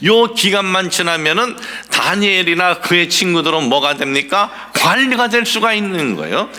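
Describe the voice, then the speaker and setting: A man's voice: high-pitched, animated, normal speed, bright, forceful tone. A middle-aged man preaching a sermon as a pastor, asking the congregation rhetorical questions and building up to emphatic passages.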